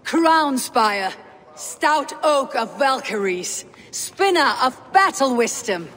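A woman's voice: sits high, very animated, slow pace, fairly bright tone, exaggerated voice. A loyal, stern shield-maiden from a video game. She speaks firmly and declaims, with long reverb around her. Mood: ceremonial. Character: stern Viking warrior woman, loyal, resolute. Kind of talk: dramatic video game acting.

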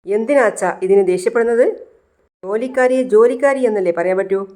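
A woman's voice: medium pitch, fairly quick, darkish tone, pitched above the performer's own voice, lightly acted. A woman voicing a spoiled, resentful grown daughter who complains and argues with her father. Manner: sulky, complaining, confrontational.

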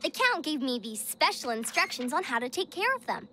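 A woman voicing a cheerful, calm young cartoon girl who reassures her timid friend. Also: sits high, a little fast, a little hiss or hum, heavily acted. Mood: friendly. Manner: bright, reassuring, playful. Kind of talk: cartoon voice acting. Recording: studio voice over loud music.

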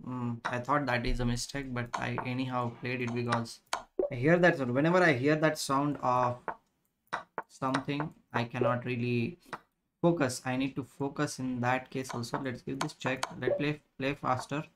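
A man in his thirties with an Indian accent, chatting casually as a chess instructor on a live stream, halting and repeating his phrases. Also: medium pitch, fairly even intonation, background noise.

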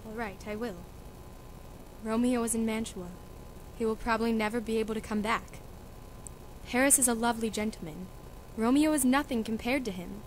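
A woman's voice: on the high side, normal speed, slight background noise, lightly acted, poor audio. A woman playing a practical household nurse who gives blunt, matter-of-fact advice. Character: pragmatic old nurse, blunt adviser. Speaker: student actor in a school reading.

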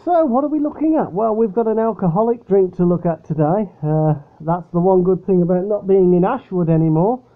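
A man chats his way through a drink review in a rambling, hesitant manner. His voice sits fairly high. The sound is thin and boxy, like a phone line. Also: lively intonation, brisk, hardly any pauses. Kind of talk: casual product review. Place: upstairs bedroom at home.

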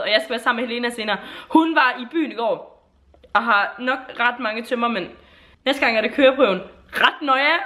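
Bubbly young woman vlogging, high voice. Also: pushed and bright, roomy sound. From Jutland, Denmark. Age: late teens. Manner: bubbly, gushing, swears casually. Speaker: YouTuber. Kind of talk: casual vlog talk. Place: at home. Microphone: handheld camera.

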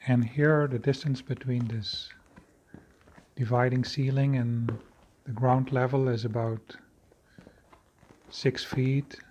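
A man narrating his own cave footage in an unscripted voice-over, slow and halting with many fillers and restarts. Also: mid-range voice, fairly even intonation, darkish tone, a little hiss or hum. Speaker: video creator exploring a cave.

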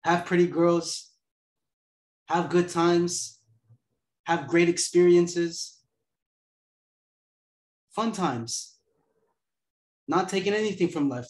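A man's voice: on the high side, a little mellow, reverberant. A man in his twenties giving a casual motivational talk as host, laid-back and profane. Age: 20s.

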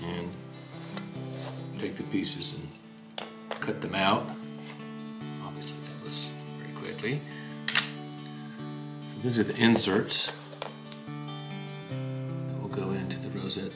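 An older man hosting a woodworking channel, explaining history and then demonstrating at his workshop bench in a calm, unhurried way. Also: sits low, music in the background.

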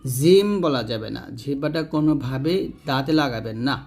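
A man teaching Arabic letter pronunciation to adult learners, slowly and patiently, repeating each sound and asking questions he answers himself. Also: medium pitch. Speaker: Quran teacher. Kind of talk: step-by-step pronunciation lesson.

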